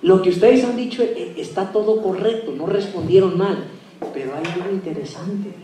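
A man preaches a lively sermon, dropping to soft asides and then rising to loud, emphatic points while he questions his listeners. He stands far from the mic in a very echoey church hall. Faint room ambience sits under his voice. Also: sits high, moderate pace, a little hiss or hum.

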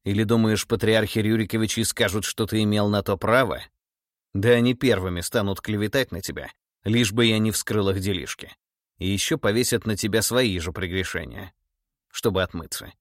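A man's voice: lowish voice, fairly even intonation, no echo, studio quality, natural voice. A man voicing a cold, commanding tsar. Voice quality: measured, menacing, authoritative. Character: stern, cold middle-aged tsar, commanding. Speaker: monarch interrogating a relative. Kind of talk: audiobook character voice.

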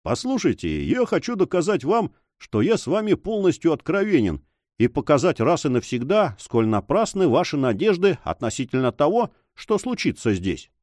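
A man's voice: a little high, sing-song, darkish tone, no room sound, clean studio sound. Brief: male reader playing a smug, taunting sailor in an audiobook; raised, swooping delivery. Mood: mocking. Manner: sly, taunting, slow and emphatic. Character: mocking, cool-headed sailor blackmailing an officer. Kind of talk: audiobook character voice.

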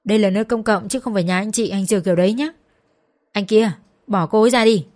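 A woman voicing an older man neighbor who loudly scolds a quarreling couple in the street. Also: mid-range voice, fast talker, close to an everyday voice. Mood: scolding. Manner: scolding, loud.

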